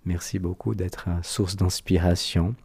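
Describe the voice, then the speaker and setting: Podcast host, a man with a Brazilian accent, deep voice, warm flowery phrasing. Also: flat delivery, measured pace, creaky, breathy edge. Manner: flowery, effusive compliments. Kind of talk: podcast interview.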